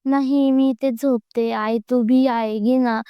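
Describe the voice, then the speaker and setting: A woman's voice: a little high, fairly even intonation, slow, clean tone, no echo, muffled recording. A woman doing a stubborn little boy. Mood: stubborn pleading. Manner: whiny, insistent.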